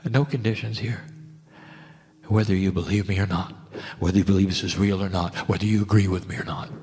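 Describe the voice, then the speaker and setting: A man delivering a channeled spiritual sermon in a measured, solemn manner with deliberate pauses. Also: deep voice, steady tone, darkish tone. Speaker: spiritual channeler addressing a gathering. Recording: reverberant hall with music behind. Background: music.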